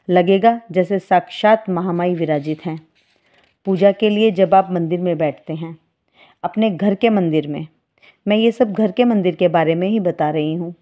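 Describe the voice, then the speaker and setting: Woman spiritual guide doing a devotional talk, lowish warm voice, calm and motherly, calls everyone children.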